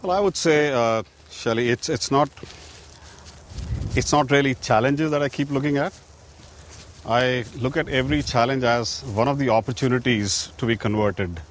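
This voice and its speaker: A man's voice: medium pitch, normal speed, a little hiss or hum. A man, an executive guest, answering interview questions confidently and emphatically.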